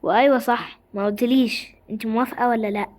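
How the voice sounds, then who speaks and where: A woman voicing a soft-spoken Egyptian boy in love. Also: a little high, steady tone, fast talker, close to an everyday voice. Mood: tender. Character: teenage boy in love, gentle and earnest. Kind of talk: voiced doll-game drama.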